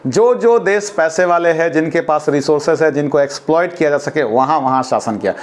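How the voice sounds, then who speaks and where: A man with a slightly higher voice teaches a class, moving between brisk Hindi explanation and slow, deliberate English sentences. He calls his students "beta", asks rhetorical questions and spells out words to get the pronunciation right. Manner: explains in Hindi, then reads English lines slowly and deliberately.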